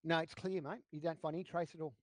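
A man running a tabletop game as game master, speaking in halting phrases with frequent restarts. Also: fairly high pitch, fairly even intonation, no room sound. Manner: halting, many restarts and fillers.

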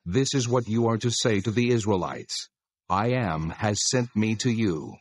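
A man's voice: fairly low pitch, expressive, measured pace, breathy edge, no room sound, studio quality. An actor playing God as a solemn, commanding male deity in a dramatized scripture reading.

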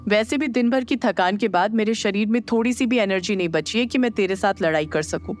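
A narrator doing a calm mysterious young man. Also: medium pitch, a little fast, faint music behind, close to an everyday voice. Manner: cool, unbothered, teasing. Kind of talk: audio drama reading.

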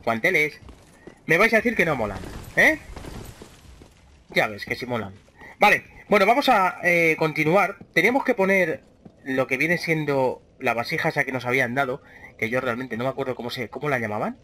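A man's voice: medium pitch, lively intonation, brisk, pushed and bright. A man with a Spain Spanish accent giving casual let's play commentary, chatting freely with his viewers and swearing often. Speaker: gaming channel host.

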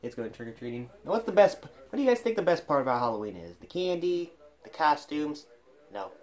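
A young man hosting a reaction video, talking in a jokey, excitable way and laughing often. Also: fairly high pitch, brisk. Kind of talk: casual reaction commentary. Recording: music playing under the voice.

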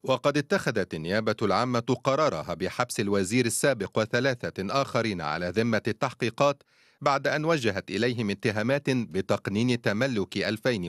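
Low-voiced male news reporter. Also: no room sound, clean studio sound. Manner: formal, steady. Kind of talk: scripted news narration.

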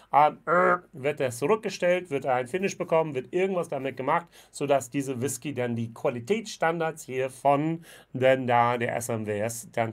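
In a laid-back whisky review vlog, a whisky vlogger in his forties from the United States speaks German as a second language with an American accent; English is his first language. His mid-range voice is chatty and packed with fillers as he gestures with bottles. He films in an indoor room with shelves of whisky bottles using a desk webcam.

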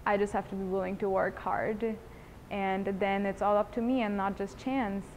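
Speaking into a lapel mic, a Bangladeshi student around twenty offers a semi-prepared interview testimonial, earnest and articulate. Her medium-pitched, slightly mellow voice is fairly even and moderately paced, with slight background noise on a low-quality recording.

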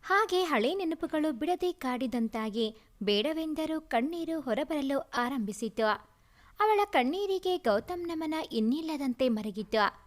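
A woman with a high-pitched voice narrates a storybook aloud. Her reading is expressive and emotive as she carries the story along. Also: takes it slowly.

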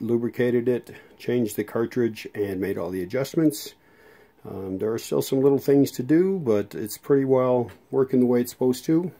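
Lowish and mellow, a man's voice accompanies a casual vintage radio repair demo at a workshop bench lit by fluorescent lights, whose hum is audible. He rambles hesitantly with many fillers, shooting one-handed on a handheld phone camera.

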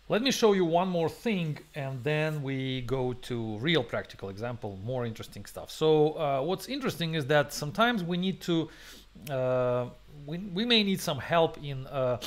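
A man hosting a programming webinar, thinking aloud through a live coding demo with many fillers, restarts and non-native phrasing. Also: on the high side. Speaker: webinar host and programming instructor.

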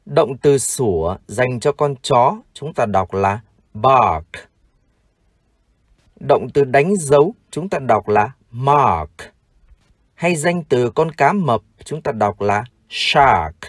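A Vietnamese-accented male teacher formally addresses his dear viewers and drills English words one at a time. He speaks very slowly, with a pitch that rises and falls a lot. The sound is dry and close, with no room echo. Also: expressive. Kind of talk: slow, formal vocabulary lesson.

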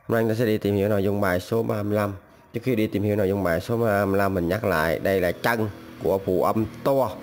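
A man teaching a language lesson, spelling out each syllable and repeating every word. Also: fairly low pitch.

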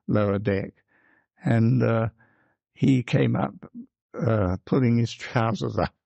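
A man's voice: on the low side, gravelly, a little mellow, slightly rough, no room sound. An older man, a former flying boat pilot, telling a wartime story in a chatty, rambling way. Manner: chatty, rambling, fond of "you see" and "actually". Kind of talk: reminiscing interview.

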